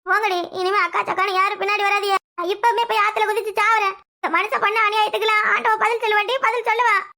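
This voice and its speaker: A woman voicing a fiery, quarrelsome young wife in a cartoon, scolding quickly and repeating her lines. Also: very high-pitched, little pitch movement, pushed and bright, heavily acted. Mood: defiant, distraught. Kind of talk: cartoon voice acting.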